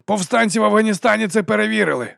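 A man voicing a battered young male hero who shouts defiantly. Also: sits high, rapid-fire, creaky, no room sound, studio quality, voice pushed up, full character voice.

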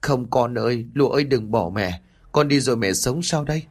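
A man's voice: mid-range voice, animated, a little fast, voice pushed up, lightly acted. A man voicing a grieving old mother who pleads, choked with sobs, for her dead daughter. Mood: grief-stricken.

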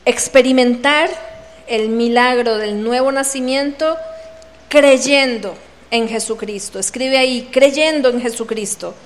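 A woman giving a devotional talk at a women's retreat, reading scripture aloud and acting out the voices in the story with drama. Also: high-pitched. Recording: reverberant hall.

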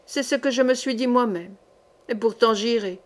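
A woman's voice: on the high side, normal speed, natural voice. A woman reading a wry, teasing young male knight in an audiobook, dry and ironic.

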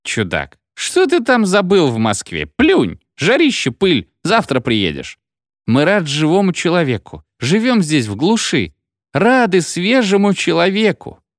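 A drunk, boisterous station chief, as a male reader puts him on, bellowing in a voice that leaps high and swoops wildly. He is quick to take offence. The recording is close and dry. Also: wildly swooping pitch, dry recording, exaggerated voice. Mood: coaxing. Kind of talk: audiobook character voice.

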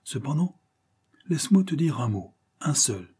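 A man voicing a loyal, earnest young male brother with a husky voice and a gently urging manner. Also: fairly high pitch, very animated, a little slow, voice pushed up, full character voice. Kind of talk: audiobook character reading.

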